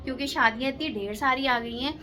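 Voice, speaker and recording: High, fairly quick and pushed bright, a woman's voice carries this casual family vlog, which she films on her phone at home and at a birthday party. She keeps calling her viewers "janab" as she talks.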